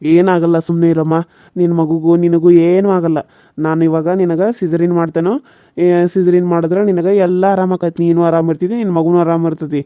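A man voicing a calm, businesslike village doctor who reassures matter-of-factly, with a North Karnataka Kannada accent. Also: fairly high pitch, a little fast, no echo, narrow, tinny audio, natural voice. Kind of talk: cartoon voice acting.

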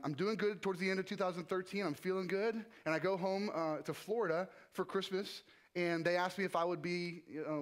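Young male worship leader, slightly high-pitched, loose conversational sermon testimony. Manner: casual and conversational, with frequent restarts and "like". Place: church.

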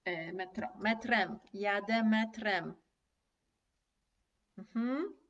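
A woman teaches a live online language lesson in an unhurried, deliberate way, saying each example phrase several times. Her voice sits at a middle pitch and comes from a little way off the mic. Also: a bit bright, distant mic, highs cut off. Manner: slow, clear, repeats example phrases and reads viewers' comments.

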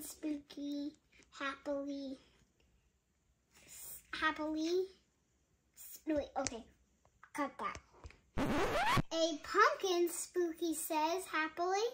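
The voice is female, sitting high and a bit bright, with slight background noise. It's a child reading a picture book aloud at bedtime in her home bedroom, slow and sing-song, giggling and chatting between lines as a nearby phone records.

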